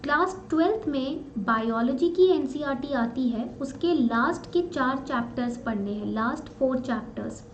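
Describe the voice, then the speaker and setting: High-voiced woman teaching in an echoey room. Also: expressive, normal speed, few pauses, highs cut off, slight background noise. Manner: mixes Hindi and English, repeats points in English, frequent checking fillers. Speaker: exam prep teacher. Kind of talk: online exam strategy lesson.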